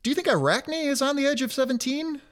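A man's voice: very high-pitched, expressive, fast talker, a bit bright. A man hosting a casual podcast chat, wry and crude, steering the talk along. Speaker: podcast host.

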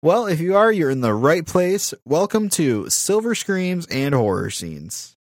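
Male podcast co-host, lively pitch, dry close sound, playful teasing banter. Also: unhurried, dry recording. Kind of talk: casual podcast chat.

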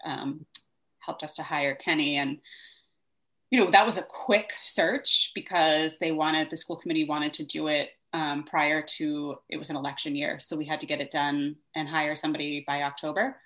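A woman with a low-pitched voice talks through civic questions in a casual discussion. She thinks aloud, doubles back on her words and laughs lightly as she goes. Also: steady tone, moderate pace, fairly bright tone. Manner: chatty, thinks aloud with many "like"s and restarts; laughs lightly while talking. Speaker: vice mayor, co-host.

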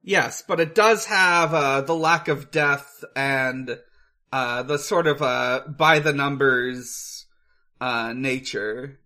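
This podcast co-host has a mid-range voice with a sharp tone and fairly even intonation, and he speaks slowly. In casual chat about films and games, he sounds hesitant and uses many filler words.

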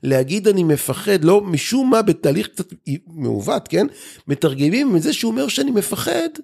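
Gravelly, animated male therapist. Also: high voice. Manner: thoughtful, with frequent restarts. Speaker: group therapist, guest. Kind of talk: reflective conversational explanation.

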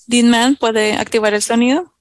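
A woman's voice: on the high side, moderate pace. A woman working as a simultaneous interpreter, relaying a business meeting over a video call with brief asides. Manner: steady relaying of chair and speakers, brief asides.

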